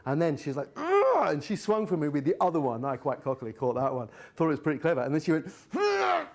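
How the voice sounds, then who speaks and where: A guest speaker at a live talk with audience chat shares candid personal stories and acts out animated retellings. His voice is a little high and he talks at a racing pace.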